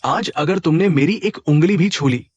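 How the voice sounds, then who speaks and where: A man's voice: normal speed, a little mellow, slightly rough, no room sound, highs cut off. A man voicing an arrogant rich young man who taunts and bullies, talking in a sneering way. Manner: sneering, taunting, swinging pitch. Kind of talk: Hindi-dubbed short drama. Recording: dubbed dialogue over music.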